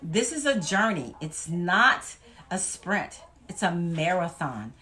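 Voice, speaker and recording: A woman's voice: lowish voice, very animated, slow pace, bright, forceful tone. A woman from Louisiana, giving an emphatic, folksy motivational talk as a weight-loss vlogger.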